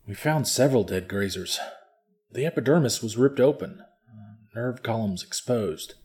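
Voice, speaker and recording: A man's voice: medium pitch, expressive, moderate pace, a little mellow, lightly acted. An actor playing a smug male field scientist who explains things in a matter-of-fact, lecturing way. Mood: sober. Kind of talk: audiobook character reading.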